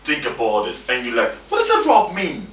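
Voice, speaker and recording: Animated man, echoey room. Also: medium pitch, brisk, a little hiss or hum. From Democratic Republic of the Congo. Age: 30s. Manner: emphatic, repeats himself, informal non-native English phrasing. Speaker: motivational speaker. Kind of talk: motivational talk to camera. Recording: echoey room, mic at a distance, faint music.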